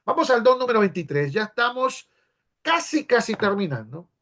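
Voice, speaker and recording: A man's voice: high voice, big pitch swings, moderate pace, a bit bright. A man from Peru with a Peruvian accent, a pastor giving a teaching class in a conversational way, often checking in with his listeners. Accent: Peruvian Spanish. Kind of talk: sermon-style teaching class.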